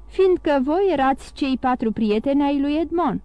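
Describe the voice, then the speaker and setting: A woman voicing a calm, sly male priest who talks in an even, coaxing way in an audiobook. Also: sits high, dry recording, voice pushed up.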